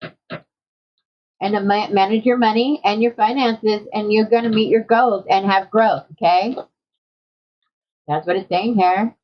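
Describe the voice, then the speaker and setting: A woman talks through a tarot spread for her viewers at a middle pitch, keeping it casual and conversational. She keeps checking in with a quick "okay?" between cards. The audio is a little dull and lo-fi. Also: fairly even intonation. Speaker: tarot card reader.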